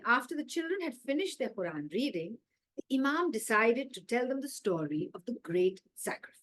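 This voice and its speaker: This is a mid-range female voice with an Indian accent, telling a children's story aloud with measured expressiveness, dramatic stresses, and pauses. The recording is rough.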